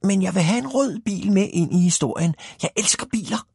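A man voicing Tippetophat, a small excitable hat figure who loves cars, speaking high and eagerly. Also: creaky, slightly rough, no room sound, studio quality, heavily acted.

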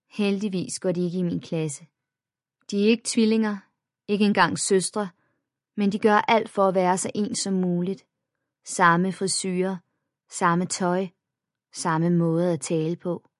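A woman's voice: on the low side, no room sound, clean studio sound. Woman reading a children's story aloud. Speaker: audiobook narrator. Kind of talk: first-person children's story narration.

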